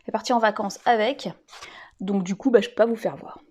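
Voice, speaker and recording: A woman's voice: mid-range voice, fast, darkish tone, slight background noise. A woman, chatting casually and rambling a little as she shows her sewing projects. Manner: chatty, rambling, many fillers and restarts. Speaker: sewing vlogger.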